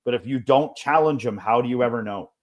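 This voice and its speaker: A man co-hosting a casual podcast, talking in long, animated runs full of restarts. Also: mid-range voice, brisk, lo-fi sound. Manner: rambling, animated, many restarts. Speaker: podcast co-host.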